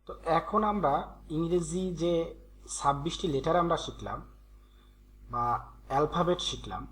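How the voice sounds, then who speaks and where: Man, high-pitched, crisp bright tone, patient teacher, repeats sounds slowly. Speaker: English teacher. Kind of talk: Bengali-language grammar tutorial.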